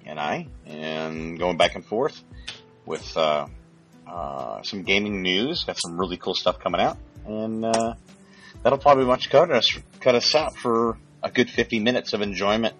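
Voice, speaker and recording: A man's voice: lowish voice, a bit bright, low-quality recording. A man hosting a casual gaming podcast, rambling with many fillers and crude jokes. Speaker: podcast host.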